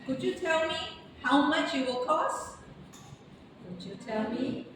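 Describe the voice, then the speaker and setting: A woman teaching English to a class, stretching out sample sentences so students can copy them. Her voice sits a little high. It is heard from a distance in a long-echoing room with steady noise behind. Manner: slow, drawn-out model phrasing for students. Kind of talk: classroom lesson. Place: echoey classroom. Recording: echoey, noisy classroom from afar.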